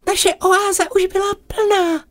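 A man voicing a melancholy female prehistoric whale who speaks in a tiny, high, helium-squeaky voice, politely and softly. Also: little pitch movement, no echo, studio quality. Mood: gentle.

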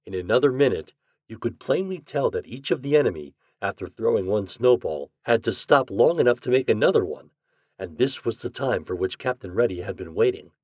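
A man reads a children's storybook aloud in a middle-pitched voice with animated, lively intonation. His reading is close to the mic and dry, with no room sound. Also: a little fast, breathy edge, no room sound. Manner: expressive. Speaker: story reader.

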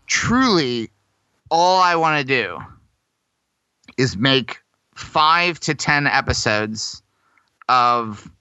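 A man's voice: medium pitch, sing-song, drawn-out words, pauses often, bright, forceful tone, clear, resonant tone, no room sound, poor audio. An American man telling self-deprecating stories in a casual interview, laughing often. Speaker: guest performer.

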